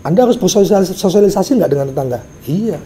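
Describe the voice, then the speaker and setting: A man's voice: high voice, animated, very fast, slight background noise. A man giving a motivational business lecture, asking his audience rhetorical questions. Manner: acts out little dialogues in a softer voice. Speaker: business mentor.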